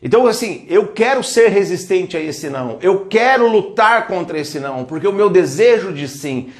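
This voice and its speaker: Animated high-voiced man. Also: moderate pace. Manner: animated, restarts, acts out parent and child quotes. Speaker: host giving parenting advice. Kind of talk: casual advice talk.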